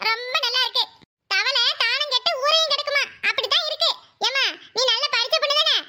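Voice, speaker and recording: A woman's voice: very high-pitched, pushed and bright, heavily acted. A woman voicing a quarrelsome, sarcastic neighbor woman in a cartoon, with a Kanyakumari Tamil accent. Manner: scolding, sarcastic, indignant. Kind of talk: cartoon voice acting.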